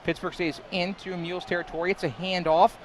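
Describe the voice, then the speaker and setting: An excitable young man calls a college football game play-by-play from a stadium booth, his voice sitting a bit high. He jumps to shouts on big plays and trips over a word now and then. Faint noise hums behind him. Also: quick pace. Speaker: play-by-play commentator.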